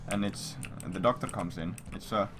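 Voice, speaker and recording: A very deep-voiced streamer casually rambles through a vulgar anecdote full of swearing for his viewers, speaking at a normal speed. The audio has noticeable background noise, including computer keyboard sounds.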